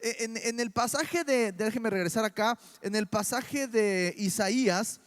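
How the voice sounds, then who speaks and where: A man with a high voice and a Mexican Spanish accent gives a lively church sermon, firing off rhetorical questions at an unhurried pace.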